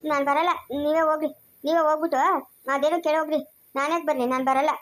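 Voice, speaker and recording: A woman's voice: high voice, steady tone, very fast, natural voice. A woman acting as an unhappy village wife, tearfully lamenting her lot in rural Kannada dialect. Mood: sulky. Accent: Kannada, Chikkaballapur rural dialect.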